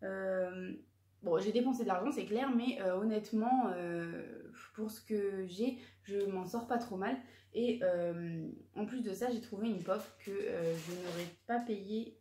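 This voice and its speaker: A woman's voice: mid-range voice, measured pace, warm tone. A woman in her twenties chatting casually in a haul vlog, hesitant and full of fillers as she shows what she bought. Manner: chatty, hesitant with many fillers and self-corrections. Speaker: vlogger showing her purchases. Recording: roomy echoey room.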